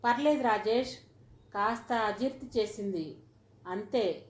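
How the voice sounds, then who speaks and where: A woman's voice: on the high side, a little slow, close to an everyday voice. A woman voicing an anxious, tearful young newly married wife who pleads hesitantly. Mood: pleading. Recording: roomy echoey recording.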